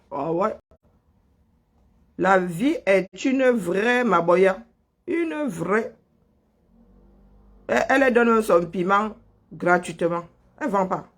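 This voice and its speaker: Live stream host, man from Cameroon, high-pitched, sarcastic, laughs a lot. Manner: greets viewers by name between political rants. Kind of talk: casual live stream commentary.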